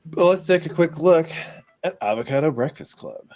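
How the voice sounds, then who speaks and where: A man hosting a live crypto news stream, reading out news items in a relaxed, chatty way and bantering with his guests. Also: on the high side, normal speed. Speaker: host.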